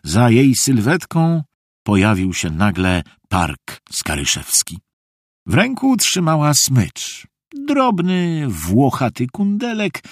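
A man narrating a children's audiobook in an expressive, unhurried storytelling manner. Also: medium pitch, no echo, studio quality.

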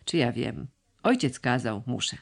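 A serious, dutiful young man, as a male reader voices him, speaking in a restrained, steady way in an audiobook story. His voice sits at a middle pitch. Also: unhurried, vocal fry. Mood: resolute.

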